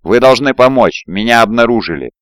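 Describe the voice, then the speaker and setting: A man's voice: medium pitch, lively intonation, brisk, a bit bright, smooth, no echo, studio quality, voice pushed up, natural voice. Man doing a panicky babbling technician. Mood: panicked.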